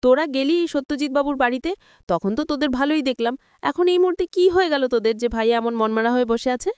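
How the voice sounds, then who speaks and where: A woman's voice: high voice, fast, darkish tone, clear, resonant tone, no room sound, studio quality, close to an everyday voice. A woman voicing a curious, concerned young woman. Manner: questioning, concerned. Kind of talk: storybook retelling of a TV serial.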